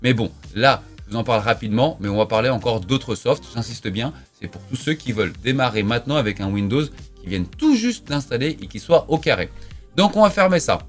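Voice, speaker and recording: A man's voice: medium pitch, expressive, a little fast, soft background music. A man giving a casual screen-recorded tech tutorial, chatty and emphatic, with frequent filler words like "voilà" and "donc". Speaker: tech youtuber.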